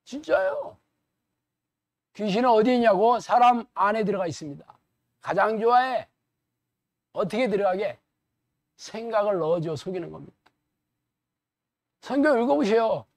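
A man preaching a sermon lecture as a pastor, animated and colloquial, firing rhetorical questions at the audience. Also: sits high, normal speed, pauses often, dry recording.

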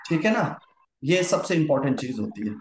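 A man gives a casual lesson on trading charts, repeating himself, coaxing his listener, and frequently checking that they follow. His voice is a little high and fairly quick with big pitch swings, recorded in an echoey room with a little hiss or hum.

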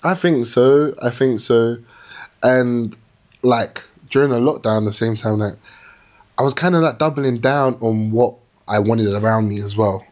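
A young man talking as a podcast guest in a small indoor studio, reflective and animated, telling his story with restarts. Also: mid-range voice, unhurried. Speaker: plus-size model, podcast guest. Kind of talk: casual interview chat.

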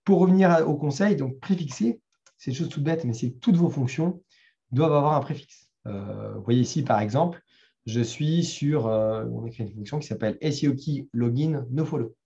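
Speaking at a normal speed with vocal fry, a middle-aged man with a French accent gives a conversational live talk and screen demo at a developer meetup, full of fillers and restarts. His mid-range voice has a dark tone, and the highs are cut off.

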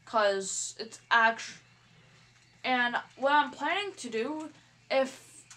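A hesitant woman vlogging while she plays a game, talking at an unhurried, halting pace. Her voice sits a little high, and she stutters and restarts her sentences often. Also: bright, forceful tone. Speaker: gaming YouTuber. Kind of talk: casual vlog talk while playing a game.

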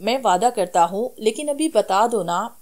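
A woman's voice: mid-range voice, expressive, measured pace, darkish tone, close to an everyday voice. A woman voicing an earnest young man in love, in a storybook horror tale.

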